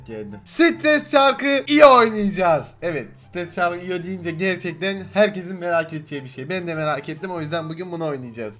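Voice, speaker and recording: A young man giving excitable let's-play commentary as a gaming YouTuber, swinging from loud shouts to low muttering.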